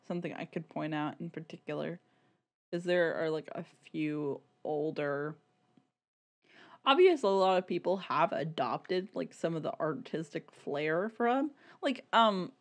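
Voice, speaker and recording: Lowish in pitch and measured in pace, a woman chats casually as a podcast co-host. She swears freely and peppers her speech with "like," keeping the tone informal.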